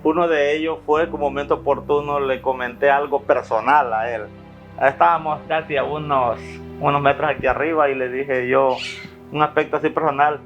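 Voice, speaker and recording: Man, slightly high voice, reflective storyteller, documentary interview, dull lo-fi sound, faint music underneath. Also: fairly even intonation, moderate pace. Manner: reflective, storytelling, frequent fillers. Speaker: interviewee, son of the subject.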